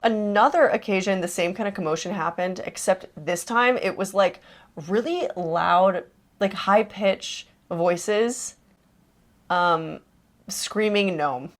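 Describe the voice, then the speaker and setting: A woman's voice: medium pitch, slow pace, over a noisy crowd, very noisy. Chatty young woman vlogger. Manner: chatty and enthusiastic, lots of "like". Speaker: vlogger host. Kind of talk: casual vlog narration.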